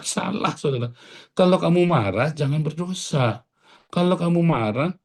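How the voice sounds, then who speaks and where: A man preaching a sermon as pastor, animated, with loud bursts and quiet asides and casual slang mixed in. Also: on the high side.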